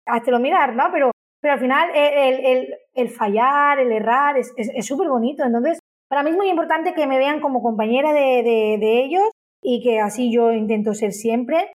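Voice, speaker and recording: At a moderate pace, a high-voiced business owner talks eagerly about the company she runs in an interview. She has a habit of repeating words.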